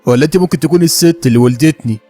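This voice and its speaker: A man's voice: on the high side, very fast, warm tone, husky, soft background music, voice pushed up. A man playing a hurt young police officer who speaks with an Egyptian accent in a raised, bitter voice. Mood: angry. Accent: Egyptian Arabic.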